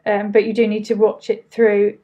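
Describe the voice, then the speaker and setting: A woman's voice: mid-range voice, completely flat delivery, normal speed, dark tone, highs cut off. A woman with an Essex accent hosting a casual live training, chatting informally as she reads out and answers questions, with loosely pronounced words.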